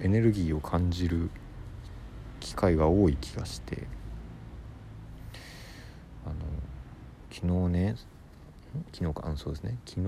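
A man, a comedian hosting his own radio show, telling a rambling story in a casual solo monologue, mixing fast patter with drawn-out words. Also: sits low, vocal fry, warm tone, slight background noise.

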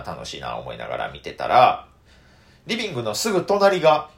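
A young man with a Kansai accent, a comedian telling a casual solo story full of fillers. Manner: lively storytelling with many fillers and animated pitch swings. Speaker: comedian hosting a solo radio talk.

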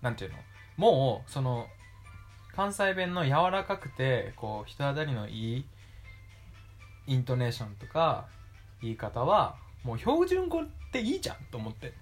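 A man's voice: mid-range voice, huge pitch swings, moderate pace, faint music behind. A man co-hosting a podcast in casual chat, playful and now and then slipping into Kansai-style phrasing. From Hokkaido. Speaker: podcast co-host.

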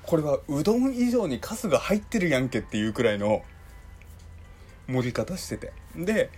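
A young man with a hoarse, dry throat and a Kansai accent, telling a story in a chatty solo podcast full of fillers. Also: a little high, expressive, moderate pace, darkish tone, soft background music. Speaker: podcast host. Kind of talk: casual solo talk.

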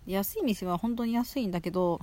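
Talking a little fast in a medium-pitched, dark-toned voice, a solo show host chats in a casual, meandering way while eating. She chews as she goes, often has food in her mouth, and repeats phrases frequently.

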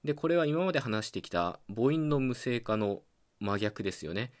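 A man hosting a podcast, explaining language points in a calm, patient, teacherly solo talk, often pausing on a filler between ideas. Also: medium pitch. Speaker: podcast host.

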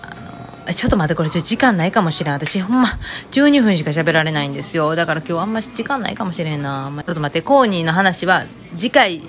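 Chatty Kansai woman, lowish voice. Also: animated, fast, fairly bright tone, a little hiss or hum. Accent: Kansai Japanese. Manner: chatty, rambling, joking, many fillers. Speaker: vlogger. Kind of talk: casual chat to camera.

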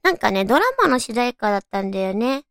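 A woman with a high, cute anime-girl voice, hosting a casual solo radio chat and musing aloud to listeners. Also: animated, fast, gravelly, a bit bright, no echo, studio quality. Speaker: radio show host.

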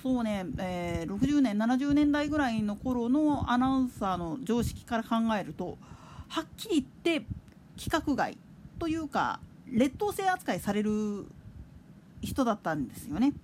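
Lively high-voiced woman chatting. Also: a little slow, slight background noise. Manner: chatty, digressive, with soft laughs. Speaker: podcast host. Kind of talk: casual solo chat radio.

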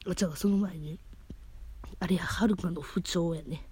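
A woman with a Kansai accent, talking softly in a whisper at home late at night, rambling as an emotional fan after crying. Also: fairly low pitch, unhurried, slightly rough. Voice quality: soft, whispery. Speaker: podcast host. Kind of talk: casual late-night monologue.

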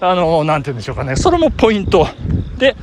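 A man's voice: high voice, huge pitch swings, racing. A man hosting a casual solo podcast while running outdoors, speaking politely and chattily with controlled breathing as he handles listener mail. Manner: polite, chatty delivery with exclamations. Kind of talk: casual solo chat recorded on the move. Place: outdoors on the move along a road. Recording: windy outdoor recording with traffic noise.

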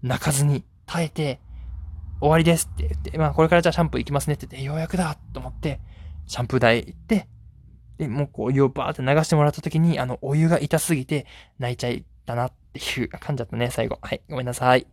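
Man, solo podcast host, quick casual storyteller, self-mocking, dry close mic. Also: medium pitch, a little mellow, no echo. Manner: rambling and self-deprecating, with frequent "ne" tags.

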